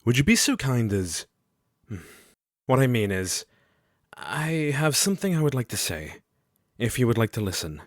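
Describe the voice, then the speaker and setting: A man playing a shy, earnest Victorian gentleman doctor, hesitant and formally polite, in an audio drama. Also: medium pitch, big pitch swings, moderate pace, long pauses, no echo, studio quality, close to an everyday voice. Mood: nervous, hopeful.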